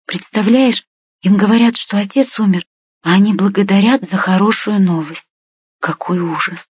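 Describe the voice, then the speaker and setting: A woman's voice: mid-range voice, moderate pace, a little mellow, breathy edge, no room sound, pitched above the performer's own voice. A woman voicing an indignant young niece, in a dry, dull audiobook recording.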